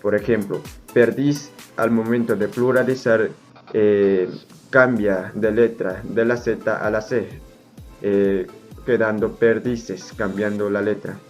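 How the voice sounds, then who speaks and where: A young man with a low, flat voice gives a student presentation on grammar. He hesitates often and fills pauses. Faint music plays behind him. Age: young adult. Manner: hesitant, with frequent fillers. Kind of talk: class presentation.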